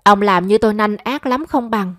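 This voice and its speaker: A nagging, money-minded middle-aged mother from an audio storybook, scolding, as a woman narrator puts her on. Her complaints sound shrill and insistent. The recording is close and dry, with no room sound. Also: moderate pace, dry recording, close to an everyday voice.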